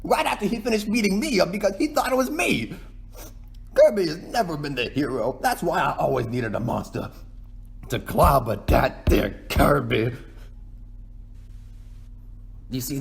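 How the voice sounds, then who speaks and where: Man voicing King Dedede, gravelly cartoon penguin king. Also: mid-range voice, expressive, moderate pace. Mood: boastful, aggrieved. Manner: folksy, rambling, aggrieved. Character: self-pitying, boastful cartoon penguin king with a hammer. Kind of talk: ASMR roleplay monologue.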